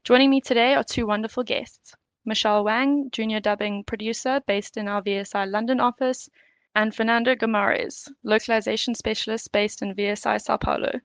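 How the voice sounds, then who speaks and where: Woman podcast host, encouraging and upbeat, fairly high voice, gravelly fry, dry sound. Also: steady tone, a little fast, no room sound. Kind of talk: scripted podcast introductions and questions.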